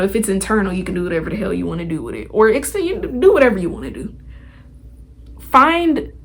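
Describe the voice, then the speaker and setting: With a husky, mid-range voice, a woman hosting a podcast gives a casual motivational talk directly to listeners, informal, slangy and emphatic.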